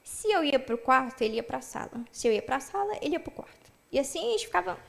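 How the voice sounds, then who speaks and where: A young woman giving a personal testimony at church, telling her story with lively acted-out dialogue. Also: high-pitched, fast talker, vocal fry.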